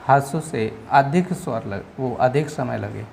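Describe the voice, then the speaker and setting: A male teacher with a gravelly, slightly rough voice walks through exam answers in a patient, repetitive way. He keeps pausing to check in with his students before moving on. A faint hiss sits behind him. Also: mid-range voice, a little mellow. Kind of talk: explaining exam answers in a lesson.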